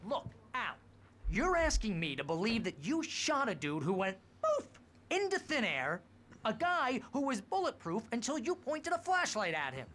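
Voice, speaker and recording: A jittery sarcastic agent. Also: male voice, very high-pitched, wildly swooping pitch, normal speed, pushed and bright, a little hiss or hum, full character voice. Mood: incredulous. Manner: sarcastic, whiny complaining. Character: jittery wisecracking male literary agent. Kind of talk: video game cutscene acting.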